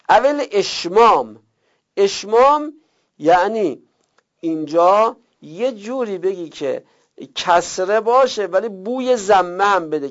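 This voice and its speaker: A man teaching a grammar class. He reads a text slowly, explains it quickly, and drills word forms in lists. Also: on the high side. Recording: dull lo-fi recording.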